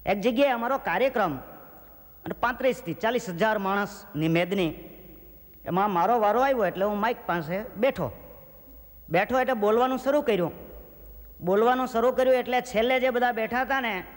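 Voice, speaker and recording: High-voiced comic telling stories on stage. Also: male voice, fairly quick, long reverb tail. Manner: self-mocking storyteller, acts out hecklers' voices. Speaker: folk comedian. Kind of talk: stand-up joke telling.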